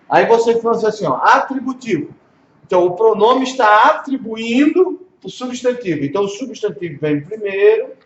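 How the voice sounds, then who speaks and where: A Brazilian man, a pastor, gives an informal Hebrew lesson, patiently repeating pronunciations and checking understanding. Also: sits high. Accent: Brazilian Portuguese. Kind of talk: informal one-on-one language lesson. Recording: echoey room, dull lo-fi audio, faint noise.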